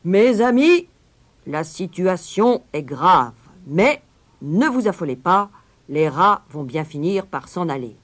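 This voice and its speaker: Lady doing a pompous scheming mayor, storybook reading, loud and blustery, kinda husky. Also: lowish voice, big pitch swings, slow pace, pitched above the performer's own voice, heavily acted. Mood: blustering.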